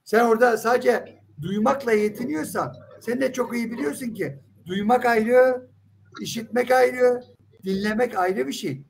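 A man's voice: extremely high pitch, moderate pace, creaky, a little hiss or hum. A man in a heated live religious debate, insistent and emphatic, pressing with rhetorical questions.

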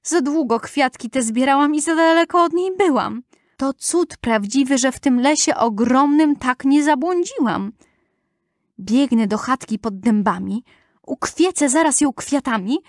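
Storybook role: bright little girl with a chirpy, sing-song lilt, raised-up voice, read by a woman, unhurried. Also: high voice, expressive, dry recording, studio quality, pitched above the performer's own voice. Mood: worried.

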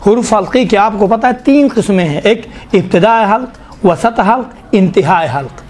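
Male teacher with a high voice leading a class in Quran recitation rules, patient and questioning. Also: animated, darkish tone. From Pakistan. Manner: explains slowly, asks the class questions, draws out sounds. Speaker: tajweed teacher.

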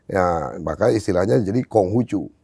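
A man's voice: on the low side, moderate pace, gravelly, dark tone, husky, no echo. An Indonesian man, a Confucian priest, who is a guest on a podcast and explains his faith in a blunt, outspoken way. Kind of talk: casual podcast chat, explaining.

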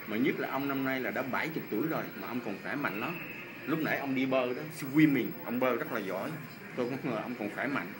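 A middle-aged man from Vietnam interviewing casually and politely, often repeating answers back. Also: mid-range voice. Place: indoor swimming pool hall. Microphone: phone at arm's length. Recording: noisy indoor pool, phone recording.

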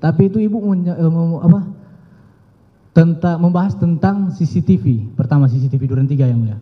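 A man testifying as a witness in court, speaking haltingly and deferentially, often addressing the judge. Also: a little high, big-room sound, dull audio.

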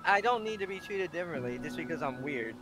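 A man's voice: on the high side, animated, fast, pushed and bright, low-quality recording. A man reading the lines of a shy, self-critical bookish teenage girl in his own plain voice. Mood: pleading. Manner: plain reading of dialogue off the screen. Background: game music.

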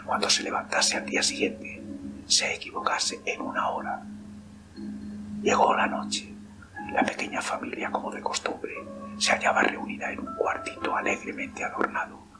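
A man's voice: very high-pitched, low-quality recording. A man whispering a ghost story. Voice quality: whispered throughout. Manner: slow, hushed storytelling. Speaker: narrator. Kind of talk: whispered story reading, ASMR.

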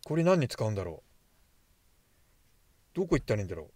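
A man's voice: lowish voice, big pitch swings, fast, a little mellow, no room sound. A man giving casual, jokey commentary while playing a horror game, chatting to himself as he goes. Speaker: game streamer.

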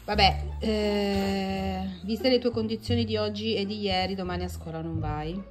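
A woman's voice: medium pitch, fairly even intonation, moderate pace. A woman in her forties, a mother hosting a family vlog, talking in a caring, coaxing way. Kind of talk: casual family vlog chat. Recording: echoey room with music behind.

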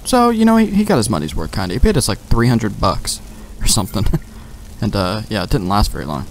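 This let's play host's voice sits on the low side, swings widely in pitch, and runs a little fast. He delivers casual, rambling commentary with mild swearing, thinking out loud over faint game music, and there is a little hiss or hum in the recording.

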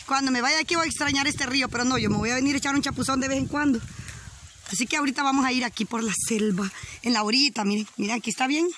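A giggly Honduran woman with a bright, sharp voice, talking casually to her camera while walking by a river. She teases her companion and laughs often, with faint outdoor noise behind her. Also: high voice, racing. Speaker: vlogger. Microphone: handheld camera while walking.

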